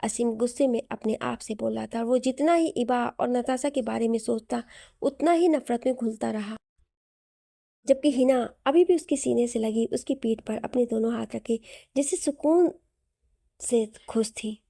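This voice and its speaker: Brief: female storyteller, mellow and fairly high, steady emotive narration, dry close sound. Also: normal speed, creaky, no room sound. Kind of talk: scripted romance narration.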